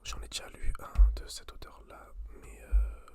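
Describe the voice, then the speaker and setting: A person whispering in a hushed library whisper, chatting casually about books and reading aloud in an intimate ASMR style. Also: unhurried, no room sound. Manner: informal, slangy. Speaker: host reviewing books.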